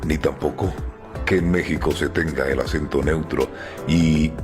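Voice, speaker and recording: A man who works in dubbing gives a measured, reflective interview answer over music. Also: extremely low pitch, steady tone. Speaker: dubbing professional.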